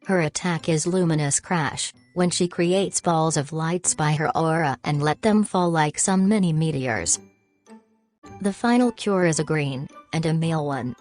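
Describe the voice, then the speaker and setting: A woman with a low voice talks through a fan explainer in an easygoing, offhand way. She pokes fun at herself as she goes, recorded on a home mic. Soft music plays faintly underneath. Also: a little slow. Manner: offhand and self-deprecating. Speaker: fan video creator. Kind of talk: casual narrated explainer.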